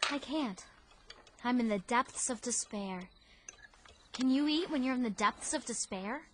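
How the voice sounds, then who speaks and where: A woman's voice: on the high side, lively intonation, unhurried, slight background noise. A woman playing Anne Shirley, an effusive orphan girl. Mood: despairing. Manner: breathless, effusive, theatrical. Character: talkative imaginative orphan girl, dramatic, romantic. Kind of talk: audio drama acting.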